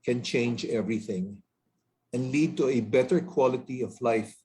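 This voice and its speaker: A man with a Filipino accent, a foundation president giving a measured, earnest prepared speech. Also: medium pitch, dark tone, a little hiss or hum. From Philippines.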